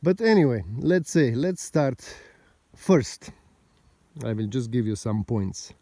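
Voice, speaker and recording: Slow, mellow man ranting. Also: medium pitch, animated, dry recording. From Slovenia. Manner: rambling, indignant, argumentative. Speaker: vlogger. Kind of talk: casual monologue to camera. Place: outdoors overlooking a mountain valley road.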